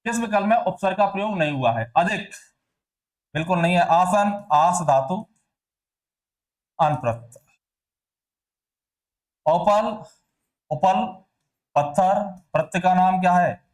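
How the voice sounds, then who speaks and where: Teacher quizzing then answering himself. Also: male voice, high voice, animated, slow, pauses often. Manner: asks questions then answers them himself; repeats sounds and words to demonstrate pronunciation. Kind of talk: exam answer walkthrough lesson.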